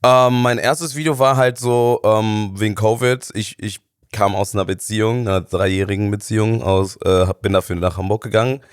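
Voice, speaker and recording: A man in his thirties, appearing as a studio guest, tells his story casually with lots of slang and acts out the people he quotes. His voice is lowish and clean, moving at a moderate pace with few pauses in a dry recording.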